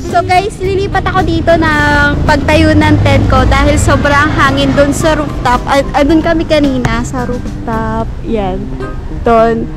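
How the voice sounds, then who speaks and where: A young woman with a high voice talks chattily to her viewers, filming herself outdoors with a camera at arm's length. Loud music plays under her voice the whole time. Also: fairly even intonation, unhurried, poor audio. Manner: chatty, addresses viewers as guys. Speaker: vlogger. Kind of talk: casual vlog talk to viewers. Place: outdoors on a rooftop and grassy lot. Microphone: handheld camera at arm's length.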